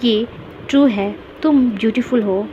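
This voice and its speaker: A stern, reserved young man who says little and keeps his tone level, as a woman reading a story gives him voice. He speaks calmly and briefly. The recording is dull and lo-fi, with a faint hiss underneath. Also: a little high, unhurried, natural voice. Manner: calm, terse. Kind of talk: storybook character voice.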